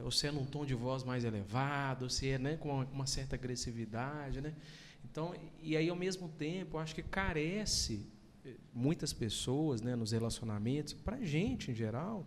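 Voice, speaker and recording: A man hosting a podcast, his voice a bit high for a man. He muses aloud, stacking his thoughts and checking in with little tag questions. A long reverb and faint noise sit behind him. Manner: reflective, full of "né" tags. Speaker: podcast host. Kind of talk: casual podcast conversation.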